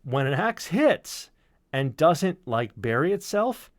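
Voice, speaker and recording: A man with a somewhat high, sing-song voice tells a story slowly on a podcast stream. His casual anecdote is wry and emphatic, with some swearing. Clean studio sound, no room sound.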